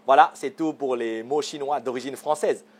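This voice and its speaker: A man's voice: mid-range voice, normal speed, slightly rough. A man presenting a magazine show segment, explaining words in a playful, teasing way and asking the viewers questions.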